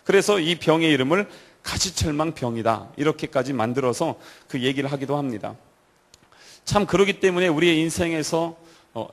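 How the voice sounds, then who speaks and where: A man preaching to a church youth service, telling stories and asking the congregation direct questions. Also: on the high side. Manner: storytelling, asks the audience direct questions. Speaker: pastor.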